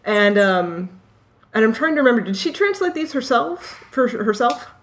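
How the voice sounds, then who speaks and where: A woman's voice: fairly high pitch, very animated, normal speed, fairly bright tone, a little hiss or hum. A woman co-hosting a casual discussion of literature, talking off the cuff. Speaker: podcast co-host.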